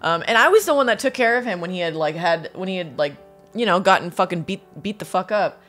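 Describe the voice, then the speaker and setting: A woman's voice: on the low side, lively intonation, fast talker, a bit bright, soft background music. A woman co-hosting a podcast in casual chat, laughing often and telling a story with lots of swearing, at home with her dogs in the room. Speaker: podcast co-host. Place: home studio with dogs present.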